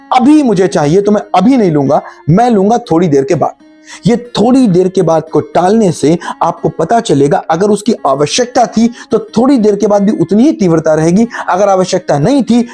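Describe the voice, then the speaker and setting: A man's voice: high voice, lively intonation, normal speed, warm tone, slightly rough. A man giving a spiritual talk, asking rhetorical questions and answering them himself while speaking straight to the listener. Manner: addresses listener directly, earnest. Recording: faint music behind. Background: faint guitar music.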